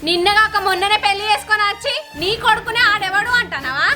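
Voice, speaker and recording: Brief: woman as a taunting Telangana wife, very high voice, echoey room. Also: fast. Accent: Telangana Telugu. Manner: sharp, taunting. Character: sharp-tongued young village wife. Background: loud background music.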